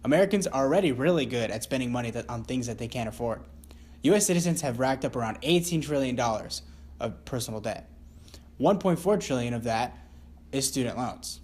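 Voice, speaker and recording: A man's voice: medium pitch, animated, brisk, a little mellow. A man anchoring a satirical newscast, reading scripted copy in a mock-serious newscaster manner with crude asides.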